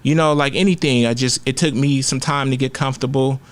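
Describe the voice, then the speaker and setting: Speaking at a fairly quick clip in a steady, medium-pitched voice, this Oakland, California rapper opens up candidly during a laid-back interview, swearing often and using plenty of slang.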